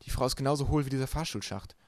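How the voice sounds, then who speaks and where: A man's voice: medium pitch, rapid-fire, vocal fry, darkish tone, no room sound, natural voice. A man reading an audiobook aloud and voicing a bookish teenage boy, subdued and thoughtful.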